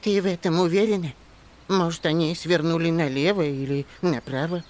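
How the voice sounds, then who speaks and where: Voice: medium pitch, fairly even intonation, darkish tone, close to an everyday voice. A reader as a timid, wise elf. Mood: cautious. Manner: measured, hesitant, refers to himself by name. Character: wise but timid male elf, afraid of spiders. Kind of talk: audiobook character voice.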